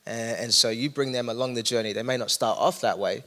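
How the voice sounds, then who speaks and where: A man with an East London accent talks in a relaxed conversational way, pitch sitting in an ordinary middle range. He leans into his stories with bursts of energy and plenty of "like" and "you know". He sounds like a pastor chatting about his team. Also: fast. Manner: energetic, animated storytelling with many fillers. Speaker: young adults pastor. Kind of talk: casual conversational interview.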